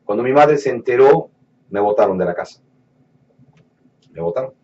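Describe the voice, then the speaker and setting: A man giving a fervent sermon testimony, dropping to hushed low lines and rising to raised fervent ones, slowing down to stretch words for emphasis. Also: expressive, a little hiss or hum. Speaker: preacher giving his testimony. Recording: distant mic, dull lo-fi sound.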